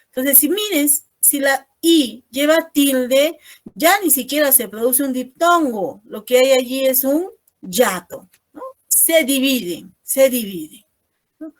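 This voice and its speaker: Slow, patient woman teacher. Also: high voice, expressive. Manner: explains patiently, tags most phrases with a questioning "no?". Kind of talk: online class lecture. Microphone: video call.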